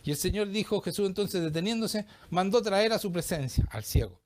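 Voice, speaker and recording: Male preacher, Chilean accent, highish and very expressive delivery, questions the congregation often. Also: fairly quick. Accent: Chilean Spanish. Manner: animated, acts out quoted voices, asks the congregation questions. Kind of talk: sermon.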